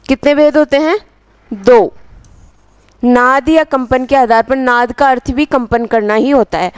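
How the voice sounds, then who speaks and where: A woman teaching a grammar lesson, asking the class questions and answering them herself, repeating phrases slowly for dictation. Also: high-pitched, clean tone, no room sound.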